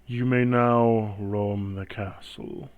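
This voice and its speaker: A man voicing a solemn undead death knight in tabletop fantasy role-play, speaking in grave, formal, measured pronouncements. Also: lowish voice, steady tone, narrow, tinny audio. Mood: solemn warning.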